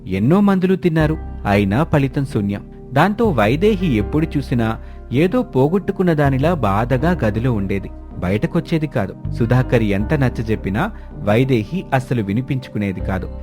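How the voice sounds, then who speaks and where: Male storybook narrator, mid pitch, steady and clear, faint music bed. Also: moderate pace.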